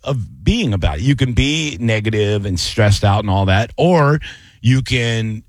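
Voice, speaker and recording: A man's voice: fairly low pitch, animated, measured pace, dry recording. A middle-aged man hosting a radio call-in show, joking casually with his co-host and callers. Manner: laid-back, joking, calls people bro and dude.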